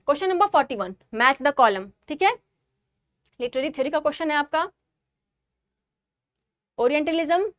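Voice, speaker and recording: A woman teacher with an Indian accent, explaining exam questions in an online lesson and reading English quotations slowly and deliberately. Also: high voice, no room sound, studio quality. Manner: switches between English and Hindi, reads English quotes slowly and deliberately.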